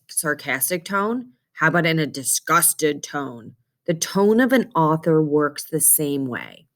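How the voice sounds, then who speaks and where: A woman's voice: deep voice, fairly bright tone. A woman teacher giving an instructional reading lesson to children, explaining step by step and often checking that they follow. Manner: checks understanding often with okay and questions.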